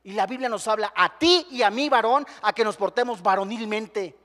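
A man's voice: high-pitched, normal speed, fairly bright tone, in a large hall. A man with a Mexican Spanish accent preaching a sermon, emphatic and full of rhetorical questions.

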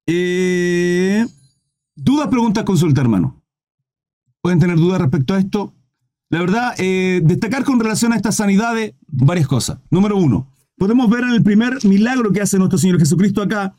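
A man preaching on a Bible passage in a live stream, reading verses and asking rhetorical questions, often clearing his throat. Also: sits high, darkish tone. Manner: reads scripture aloud and preaches on it, with rhetorical questions.

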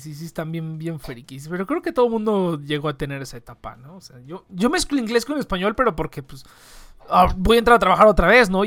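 A woman's voice: on the low side, fairly bright tone, no echo. Young Mexican woman, slangy dry ranting. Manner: slangy, swears freely, tags phrases with questions. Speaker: livestream host. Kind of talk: casual ranting chat with a guest.

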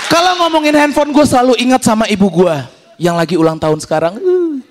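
A man's voice: high voice, fast talker, a faint crowd, slight background noise. A man doing a stand-up comedy set, telling stories animatedly and acting out other people's voices, with audience laughter behind him. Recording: live stage recording with audience.

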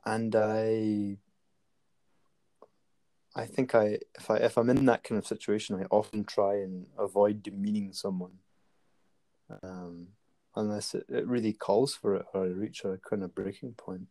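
A man's voice: lowish voice, level tone, unhurried, warm tone. A man talking casually and rambling, with many fillers and restarts. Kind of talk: casual conversation.

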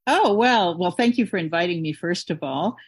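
A woman's voice: fairly low pitch, animated, normal speed, husky, no echo. A woman in her seventies from Canada, a model and podcast guest, tells her story in a candid, reflective way. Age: 70s. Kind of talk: interview storytelling.

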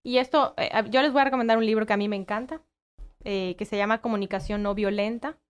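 A woman's voice: mid-range voice, quick pace, clean tone. A woman, a guest who works with children, talking in a casual conversation and acting out quoted voices as she explains. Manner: animated, acts out quoted voices.

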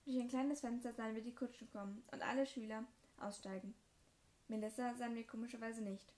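A woman reads a first-person fan fiction story aloud in a plain, even manner. Her voice sits a little high for a woman, and the delivery stays steady. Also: a little fast.

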